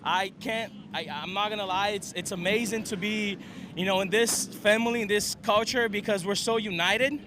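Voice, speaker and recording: A man with a fairly high voice speaks in an excited, rambling way, repeating himself as he talks. He is being interviewed outdoors at a race track. Loud engine noise fills the space around him. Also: normal speed. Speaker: drift driver. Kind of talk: casual interview. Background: car engines and track noise.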